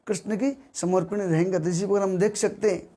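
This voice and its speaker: A man preaching a devotional sermon, repeating his key words and rising in pitch on the words he stresses. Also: fairly even intonation, brisk, dark tone.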